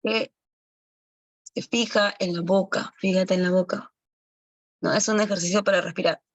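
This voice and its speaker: A woman's voice: mid-range voice, fairly even intonation, normal speed, no echo, muffled recording. Woman lecturing with a dry close sound. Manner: explanatory, with frequent self-corrections. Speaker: instructor for early-education assistants. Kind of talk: online lecture.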